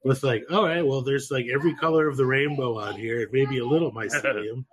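A man hosting a podcast, chatting casually in a rambling, profane, animated way. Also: medium pitch, fast talker, a loud crowd. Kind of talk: casual chat.

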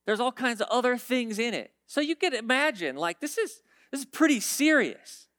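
A man's voice: very high-pitched, expressive, moderate pace, no room sound, clean studio sound. A man preaching a casual, conversational sermon, telling stories and turning emphatic as he reads scripture. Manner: storytelling, swings from quiet to emphatic.

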